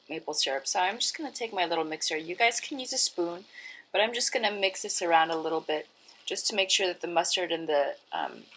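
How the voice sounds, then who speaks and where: A woman's voice: lowish voice, a bit bright, low-quality recording. A woman hosting a cooking video, talking to viewers in a chatty, informal, step-by-step way. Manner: chatty, informal, addresses viewers as guys and friends. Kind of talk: casual cooking demonstration to camera.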